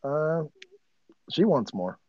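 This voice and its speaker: A man's voice: fairly high pitch, very animated, slow, dry recording, muffled recording. Laid-back mid-thirties "dude" guy. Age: 30s. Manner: laid-back, says "dude" a lot, gets worked up when teased. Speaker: podcast co-host. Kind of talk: casual chat.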